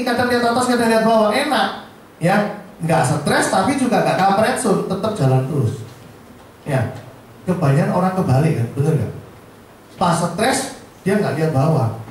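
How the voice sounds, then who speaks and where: A man gives a joking, lively motivational sales talk to insurance agents, acting out the voices he quotes. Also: on the high side. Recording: roomy, distant mic, faint background noise.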